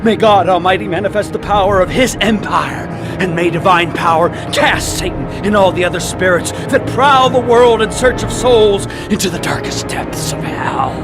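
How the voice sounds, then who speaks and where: A man's voice: high-pitched, moderate pace, few pauses, over loud music, close to an everyday voice. An actor playing a fearful religious zealot man who preaches about doom and breaks into frantic screams. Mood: fervent. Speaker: suspect in a game cutscene.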